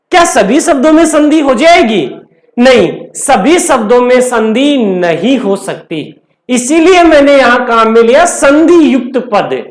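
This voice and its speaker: A woman's voice: sits high, roomy sound. A woman teaching Hindi grammar to a class. She asks questions and answers them herself, and she repeats key terms over and over. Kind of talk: classroom lesson with questions to students.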